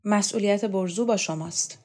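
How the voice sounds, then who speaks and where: A woman voicing a weary, secretive woman who speaks softly and tiredly in a read-aloud novel. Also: mid-range voice, natural voice. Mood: hushed. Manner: soft, hushed, tired.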